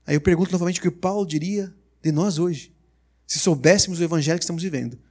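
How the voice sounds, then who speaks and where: Emphatic high-voiced preacher. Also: male voice, fast talker, breathy edge. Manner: energetic, emphatic, rhetorical questions. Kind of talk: sermon.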